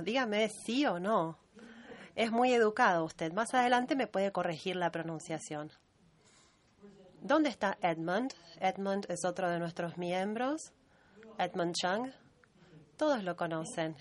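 A woman giving a steady, measured simultaneous interpretation of a meeting chair's remarks and roll call. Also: on the low side. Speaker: conference interpreter.

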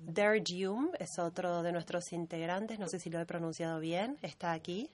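Woman conference interpreter, slightly low pitch, measured and even delivery while relaying a roll call. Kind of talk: simultaneous interpretation at a meeting.

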